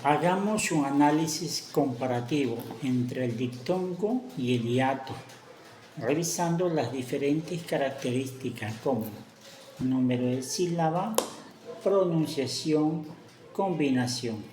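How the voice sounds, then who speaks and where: A woman teaching a grammar lesson, speaking slowly and deliberately and spelling out example words one at a time. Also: very deep voice, echoey room, background noise.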